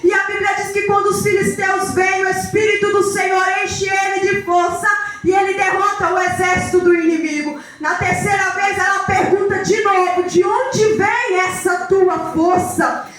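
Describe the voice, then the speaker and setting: A woman preaching a sermon in a sing-song cadence, breaking into shouted emphasis. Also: very high-pitched, level tone, normal speed. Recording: echoey room with faint music.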